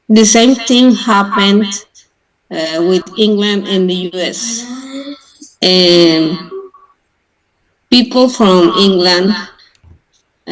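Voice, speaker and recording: Slow, halting Mexican Spanish-accented woman. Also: fairly low pitch, low-quality recording. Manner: hesitant, many fillers and restarts. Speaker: club member. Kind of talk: casual online conversation. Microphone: video call.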